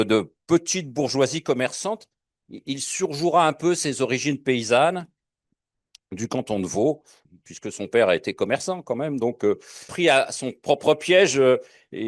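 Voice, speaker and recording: A man's voice: medium pitch, no room sound, clean studio sound. A man giving a public lecture, talking in a digressive way with many fillers and asides.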